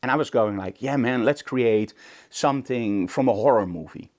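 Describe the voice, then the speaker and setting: Here a Dutch-speaking host from the Netherlands runs an informal photography lesson for the camera, chatting emphatically and asking rhetorical questions. His voice is medium-pitched and darkish, at a moderate pace.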